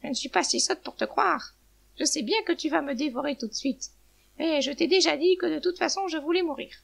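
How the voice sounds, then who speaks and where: A woman's voice: sits high, a little fast, creaky, pitched above the performer's own voice. A woman voicing a brave, defiant hen who is tired of living, in a storybook tale. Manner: proud and scornful, then despairing. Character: brave defiant hen, female, weary of life. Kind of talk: storybook narration.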